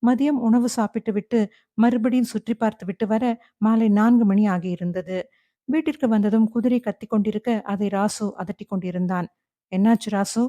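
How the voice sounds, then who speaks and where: Mellow woman narrating a horror story. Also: mid-range voice, moderate pace, dry recording, muffled recording. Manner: steady storytelling. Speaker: audiobook narrator.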